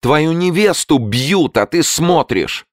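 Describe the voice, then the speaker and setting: A man reading an audiobook, voicing a tall young woman who shouts in fury and sobs defiantly. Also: fairly high pitch, animated, takes it slowly, no room sound, studio quality, voice pushed up. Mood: furious, shouting. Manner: shouted, sobbing cries.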